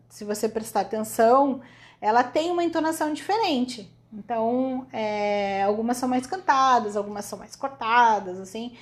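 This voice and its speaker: Brazilian woman teacher, fairly high voice, chatty and informal, keeps checking in with the listener. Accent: Brazilian Portuguese. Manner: chatty, ends phrases with checking "right?" tags. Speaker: English teacher. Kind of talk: informal video lesson.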